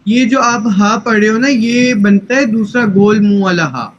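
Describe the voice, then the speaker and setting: A man's voice: high-pitched, roomy sound, lo-fi sound. A man teaching tajweed in an online class, patient and corrective, mixing English phrases into his speech. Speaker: Quran recitation teacher.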